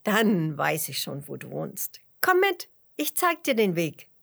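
A woman's voice: low-pitched, big pitch swings, measured pace, creaky, breathy edge, heavily acted. A woman voicing Fitus, a curious and friendly young adventurer in a children's story. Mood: helpful. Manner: bright eager greetings.

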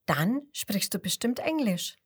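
A woman's voice: medium pitch, very animated, measured pace, breathy edge. A woman voicing a cheerful little French frog. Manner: friendly, chatty, proud of home. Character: cheerful young male frog from France.

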